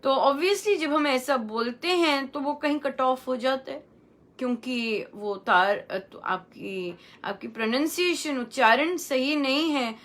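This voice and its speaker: Middle-aged woman, devotional teacher, slow careful delivery, repeats words, clear bright tone, slightly high voice. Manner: mixes Hindi with English words. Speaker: satsang speaker. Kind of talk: devotional teaching on chanting pronunciation.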